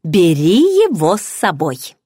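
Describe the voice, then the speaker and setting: Bubbly teasing pregnant gal, a lady reading her, higher voice, bouncy tune, dry sound. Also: wildly swooping pitch, takes it slowly, dark tone, no echo, full character voice. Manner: teasing, bubbly, pushy questions. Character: teasing pregnant young woman friend, nosy, playful.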